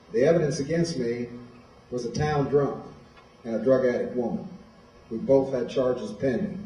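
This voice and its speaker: A man's voice: medium pitch, warm tone, distant mic. Plainspoken man in an echoey hall. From Illinois, USA. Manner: plainspoken, storytelling. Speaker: guest speaker at a school. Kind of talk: personal testimony speech. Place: high school hall.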